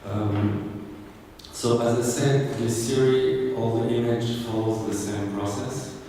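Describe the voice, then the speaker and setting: A man from Algeria giving a halting, hesitant talk about his art in a gallery, with frequent pauses and restarts. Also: mid-range voice, fairly even intonation, dark tone. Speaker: visual artist presenting his work. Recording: echoey hall, distant mic, ambient noise.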